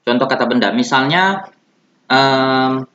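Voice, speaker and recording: Bright-voiced Indonesian male teacher, roomy. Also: medium pitch. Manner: slow, repeats example words for students. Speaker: English teacher. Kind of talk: recorded classroom lesson. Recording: dull, roomy lo-fi recording.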